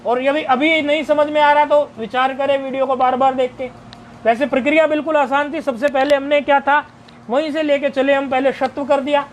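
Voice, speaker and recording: In a recorded video lesson, a man with a very high voice and little pitch movement teaches Sanskrit grammar step by step. He asks and answers his own questions and slowly recites word forms as a list, with slight background noise present.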